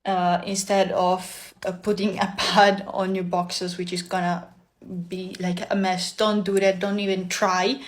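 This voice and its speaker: A young woman giving casual advice in a soft, hesitant way, full of fillers and pauses. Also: fairly low pitch, flat delivery.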